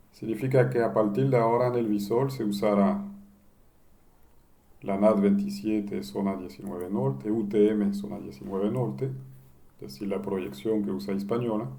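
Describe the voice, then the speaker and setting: Low mellow-voiced man teaching software. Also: a little hiss or hum. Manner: explains step by step, asking and answering his own questions. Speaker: instructor. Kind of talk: screen-recorded software tutorial.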